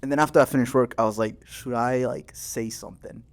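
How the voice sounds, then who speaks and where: A young male podcast co-host tells a story in casual chat, laid-back, slangy, and profane. He talks fast at medium pitch with fairly even intonation.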